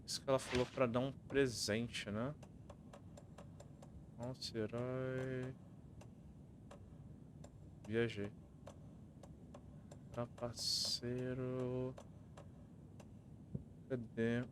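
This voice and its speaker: A man with a Brazilian Portuguese accent streaming a game, reading riddles aloud and thinking out loud. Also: mid-range voice, little pitch movement, drawn-out words, pauses often, background noise. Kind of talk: live gameplay commentary.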